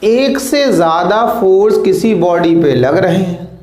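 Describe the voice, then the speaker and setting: A man with a very high voice explains physics at a board, asking the class questions and answering them himself. He repeats words as he traces lines. The sound is roomy and echoing. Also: animated, unhurried, darkish tone. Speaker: physics teacher. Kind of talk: board lesson explaining step by step.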